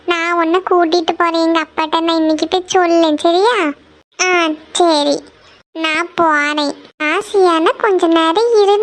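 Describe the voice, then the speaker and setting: A woman voicing a chatty little schoolgirl, talking in a sing-song childish whine. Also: very high-pitched.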